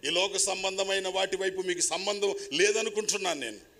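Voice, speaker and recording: High, bright-voiced preaching man. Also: a little fast, creaky. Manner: preaching with sudden loud rises and quiet asides, calling for applause. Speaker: pastor. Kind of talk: sermon.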